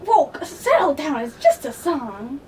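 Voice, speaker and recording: A woman's voice: sits high, big pitch swings, unhurried, darkish tone, far from the mic, slight background noise. A woman playing a bossy, jolly male giant in a homemade comedy skit, coaching with impatient, coaxing remarks. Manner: impatient, coaxing teacher, laughing at mistakes.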